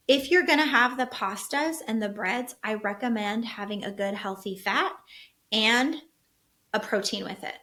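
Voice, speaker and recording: Chatty mom with a bright voice. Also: female voice, on the high side. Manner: chatty, animated storytelling, acts out her kids' voices. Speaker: podcast host and health coach. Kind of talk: casual solo podcast talk.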